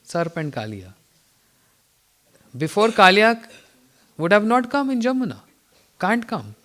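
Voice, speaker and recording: A man giving an informal morning spiritual lecture, telling stories with chuckles and throat clearing. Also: high-pitched, sing-song, unhurried, a bit bright. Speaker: spiritual teacher.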